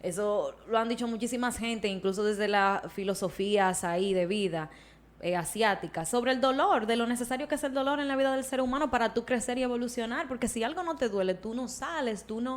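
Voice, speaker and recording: A woman's voice: fairly high pitch, a little fast. A woman psychologist, explaining emotions in a casual podcast conversation. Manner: explanatory, slips into acted quotes. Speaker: psychologist guest.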